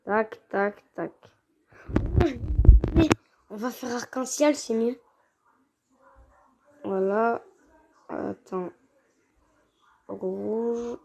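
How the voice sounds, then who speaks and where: A woman doing casual gameplay commentary, excitable and quick to gripe and exclaim at the game. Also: fairly high pitch, vocal fry. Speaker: gaming video creator. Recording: noisy home recording with clicks.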